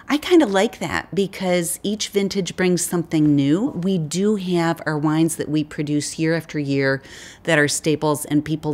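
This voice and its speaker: A woman in her fifties with a notably low voice talks through her winery's wines in a seated interview. She speaks in a relaxed, conversational way, with easy pauses and fillers. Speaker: winery wine specialist. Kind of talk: sit-down interview answers. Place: indoor winery tasting room.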